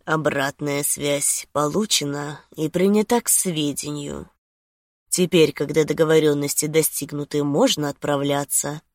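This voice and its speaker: A woman's voice: low-pitched, steady tone, a little slow, dry recording, studio quality. A woman playing a smug, seductive man. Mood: teasing.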